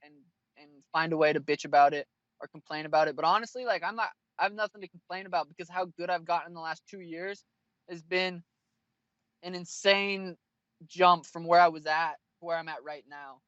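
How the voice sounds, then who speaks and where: Young male fighter, mid-twenties, casual and profane; voice a touch high, dry and muffled recording. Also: a little fast, a bit bright, dry recording. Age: 20s. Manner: blunt and profane. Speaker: fighter, interview guest. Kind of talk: casual interview answers.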